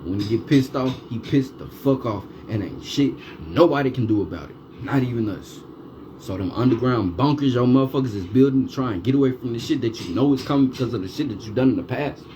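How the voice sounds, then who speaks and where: Over a steady hum of background noise, a male vlogger talks fast in a mid-range voice, though the recording sounds muffled. He's ranting, cursing a lot and repeatedly throwing out rhetorical questions.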